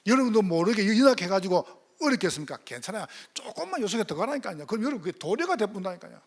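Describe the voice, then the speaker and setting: High, animated Korean-speaking preacher man. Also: rapid-fire. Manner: emphatic, rhetorical questions, swings from loud to hushed. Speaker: pastor. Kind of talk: sermon.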